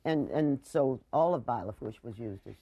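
A woman's voice: very deep voice, expressive, moderate pace, warm tone, dull audio, a little hiss or hum. A woman, chatting emphatically as a guest and telling stories. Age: 60s. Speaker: talk show guest. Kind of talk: conversational local-history storytelling. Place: TV studio kitchen set.

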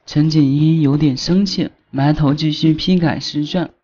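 A man narrating a short animated story in a steady, scripted way. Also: on the high side, measured pace. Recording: dull lo-fi audio.

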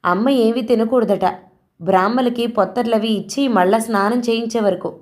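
A timid, fretful elder sister who talks in a hurry, voiced by a woman a little higher than her reading voice. Storybook reading. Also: a little mellow, close to an everyday voice. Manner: fretful, hurried.

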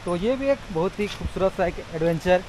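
A man's voice: sits high, expressive, fairly quick, background noise. Chatty young man vlogging outdoors. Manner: chatty, touristy, praising the sights. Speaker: travel vlogger. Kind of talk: casual travel vlog narration. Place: outdoors in forest and by a waterfall. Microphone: phone or camera held at arm's length.

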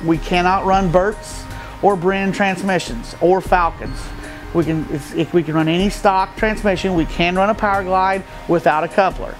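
A high-pitched, middle-aged man from the Midwestern U.S., a stock car racer, casually walks through the details of his car in plain, matter-of-fact terms and lots of fillers. He's recorded by a nearby camera, a few feet away, inside an open metal shed with a gravel floor and the outdoors just beyond.

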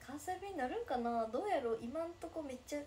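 Young woman, 20s, Nagasaki dialect, giggly livestream chatter with lively high pitch. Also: fast, a little hiss or hum. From Japan, Nagasaki. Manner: bubbly, giggly, reacts to comments. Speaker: idol livestreamer. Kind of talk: casual livestream chat reading comments.

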